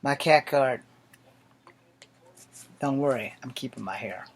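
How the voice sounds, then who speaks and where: A man in his late forties, an army veteran, delivers a blunt, profane and defiant personal monologue to the camera. His voice is mid-range and his pace is slow.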